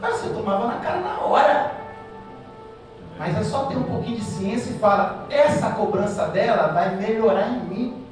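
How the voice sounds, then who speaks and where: Brazilian man, high voice, pastor preaching to couples, lively back-and-forth with the crowd, far from the mic in a very echoey hall. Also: normal speed, faint music behind. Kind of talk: sermon to couples.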